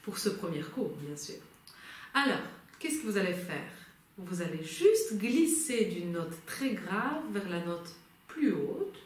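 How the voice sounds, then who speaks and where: A woman's voice: mid-range voice, very animated, slow pace, background noise. A woman singing teacher guiding a vocal lesson patiently, reassuring and coaching step by step. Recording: very echoey room.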